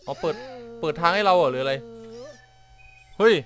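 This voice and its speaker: A man's voice: fairly high pitch, expressive, normal speed, a bit bright. A man giving casual commentary while playing a puzzle game, often puzzled and exclaiming at what happens on screen. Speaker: gameplay streamer.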